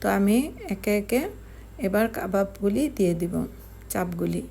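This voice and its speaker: Woman cooking-channel host, dark mellow voice, patient step-by-step delivery. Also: medium pitch, steady tone, vocal fry, slight background noise. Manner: slow, step-by-step explaining with fillers. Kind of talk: home cooking tutorial narration.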